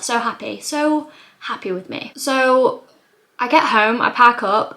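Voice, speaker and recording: A woman's voice: fairly high pitch, sharp tone. A young woman in her twenties telling a personal story to camera, chatty and earnest, saying "like" a lot. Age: 20s. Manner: chatty, heavy use of "like", lots of repetition; emotional, earnest retelling. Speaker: vlogger. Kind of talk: casual confessional storytime.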